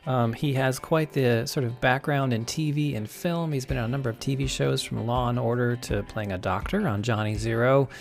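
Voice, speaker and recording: A man's voice: medium pitch, normal speed, vocal fry, few pauses, soft background music. A man hosting an interview podcast, friendly and chatty, with frequent fillers and restarts. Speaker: podcast host.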